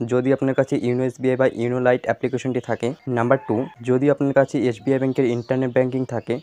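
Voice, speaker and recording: Very fast-talking man narrating a tutorial. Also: medium pitch, darkish tone. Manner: step-by-step, instructional. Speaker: tutorial video host. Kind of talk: scripted instructional narration.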